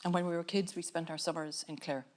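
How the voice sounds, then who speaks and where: On a panel, an Irish filmmaker gives a reflective talk, musing and halting as she keeps restarting her sentences. Her voice sits fairly low, with a level, darkish tone.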